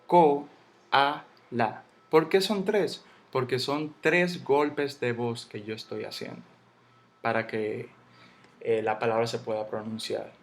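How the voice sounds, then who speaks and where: A man teaching a Spanish spelling lesson, slowly spelling out syllables and letters. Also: medium pitch, fairly even intonation, creaky.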